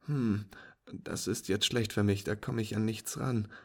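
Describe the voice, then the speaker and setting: Upbeat, teasing young woman coaching a beginner at pool , put on by a male storyteller with a husky voice. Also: fairly low pitch, steady tone, measured pace, darkish tone. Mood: playful. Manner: encouraging, playful and teasing. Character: friendly young woman, patient pool teacher. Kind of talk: storytelling with acted dialogue.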